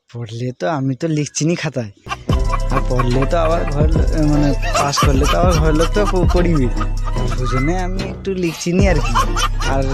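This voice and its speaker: A man playing a hapless failed high-school student in a comedy sketch, rambling and naive, with a rural West Bengal Bengali accent. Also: natural voice. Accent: rural West Bengal Bengali dialect. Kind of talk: comedy sketch mock interview.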